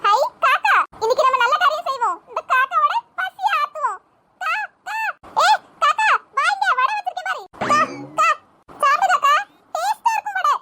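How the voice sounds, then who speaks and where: A performer voicing Uma, a young cartoon wife who is a proud, overeager cook and chatters in a chipper, squeaky way. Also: lively intonation, fairly quick, sharp tone, soft background music. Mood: cheerful. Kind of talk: cartoon voice acting.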